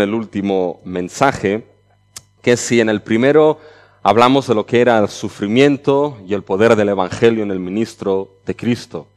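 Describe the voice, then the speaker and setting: Preaching a conference sermon in a chatty style, this lowish-voiced middle-aged man from Barcelona carries a mixed Catalan-Spanish accent with Chilean touches. He frequently ends phrases by asking "¿ya?".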